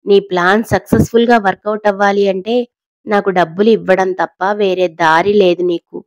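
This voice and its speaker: A woman's voice: mid-range voice, steady tone, a little fast, no echo, lightly acted. A woman voicing a sarcastic blackmailing woman. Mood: taunting. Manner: sarcastic, taunting. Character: mocking mysterious woman blackmailer, laughing cruelly.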